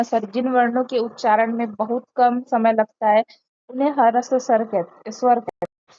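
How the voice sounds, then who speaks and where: A woman's voice: a little high, dry recording. A woman teaching an online grammar lesson step by step, with many fillers and corrections along the way. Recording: muffled lo-fi audio.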